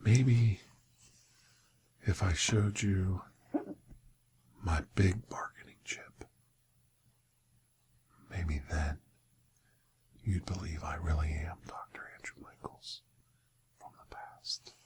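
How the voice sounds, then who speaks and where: A man in a whispered role-play, voicing a sly, menacing interrogator who is a time-travelling doctor, questioning and bargaining deliberately. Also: low voice, steady tone, noisy background. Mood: hushed, coaxing.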